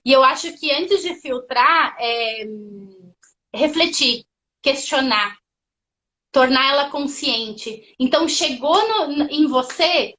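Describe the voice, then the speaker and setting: A woman's voice: high voice, slow pace, sharp tone, rough recording. A woman therapist hosting a casual live stream, talking straight to her viewers with lots of fillers. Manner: conversational, addresses viewers directly, many fillers. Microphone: phone or laptop mic on a live stream.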